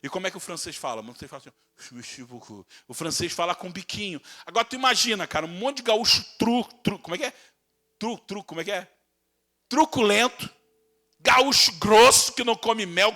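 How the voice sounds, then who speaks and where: A male pastor preaching a sermon. He keeps asking the congregation rhetorical questions, acts out quoted insults, and stretches words as his loudness rises and falls. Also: high-pitched.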